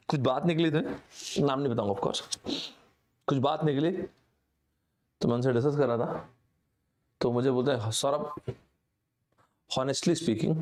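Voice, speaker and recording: Brief: young male online teacher, slightly higher-pitched voice, joking Hinglish lesson patter that keeps calling the viewers friends. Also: darkish tone. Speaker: online exam-prep teacher. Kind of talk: lively Hinglish vocabulary lesson.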